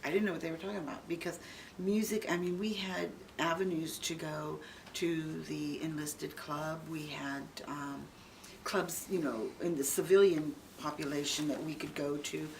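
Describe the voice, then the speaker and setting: A woman's voice: sits low, fairly even intonation, normal speed. An older woman, a military veteran, remembering her service informally in an interview. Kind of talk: casual reminiscing in an interview. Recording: distant microphone, clearly noisy room.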